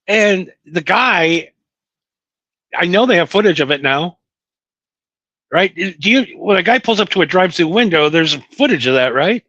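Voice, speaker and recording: A middle-aged man co-hosting a casual podcast, telling stories in an animated, self-mocking, profane way from a small studio. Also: sits high, normal speed, pauses often, no echo, lo-fi sound. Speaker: podcast co-host. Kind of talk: casual stoner chat.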